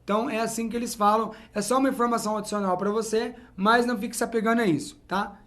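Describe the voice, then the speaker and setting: Man, high voice, patient step-by-step teacher at a whiteboard. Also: steady tone, fast talker, a bit bright. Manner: explains step by step, repeating "então" and "ó". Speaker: English teacher. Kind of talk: whiteboard lesson.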